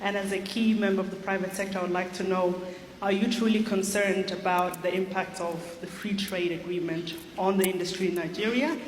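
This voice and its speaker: A woman's voice: mid-range voice, fairly even intonation. Articulate woman questioning from the floor. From South Sudan. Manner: measured, articulate. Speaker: audience member asking a question. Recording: echoey hall with faint noise.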